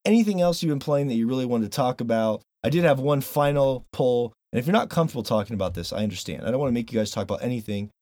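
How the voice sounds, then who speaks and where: Talking very fast with hardly any pauses, a podcast host in a mid-range male voice chats loosely, swears a bit, stays animated, and reads a sponsor plug. The audio is studio quality with no room sound.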